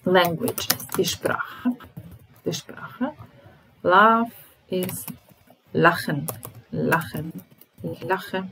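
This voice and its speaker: Very slow woman teaching German words. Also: sits low, pushed and bright, poor audio. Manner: slow and deliberate, repeating each word and conjugating verbs. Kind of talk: slow vocabulary lesson, explaining in English. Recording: music playing under the voice.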